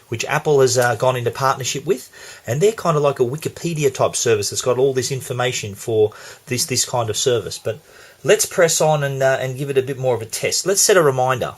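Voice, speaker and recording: A man's voice: medium pitch, a little fast. A man with an Australian accent hosting a casual gadget demo, chatty and explaining as he goes with a few restarts. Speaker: tech reviewer.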